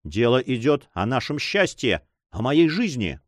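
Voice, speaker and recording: A man's voice: mid-range voice, big pitch swings, measured pace, no room sound. A man voicing a secretive young man in love in his own voice, earnest, reassuring and insistent.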